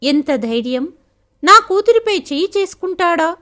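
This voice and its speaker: A woman reading the lines of an angry, fiercely protective middle-aged father in a spoken family story, loud and indignant. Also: extremely high pitch, lively intonation, normal speed, pitched above the performer's own voice, exaggerated voice. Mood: furious. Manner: shouting, indignant.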